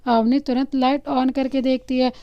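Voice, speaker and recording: A woman storyteller reading a romantic story aloud in a steady, expressive narration. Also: high-pitched, moderate pace, smooth, no echo, muffled recording.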